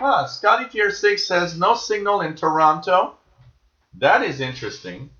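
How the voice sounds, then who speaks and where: Male radio-tuning host, slightly high bright voice, casual musing commentary, roomy dull recording. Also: lively intonation, a little slow, soft background music. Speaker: host of a live shortwave radio tuning stream. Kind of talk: casual live commentary, reading out listener signal reports. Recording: dull, echoey room sound.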